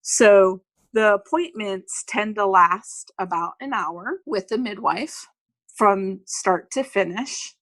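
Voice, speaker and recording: Unhurried woman explaining midwifery care. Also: medium pitch, fairly bright tone, no echo. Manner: measured, detailed explanation. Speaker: licensed midwife, guest. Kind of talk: explanatory interview talk.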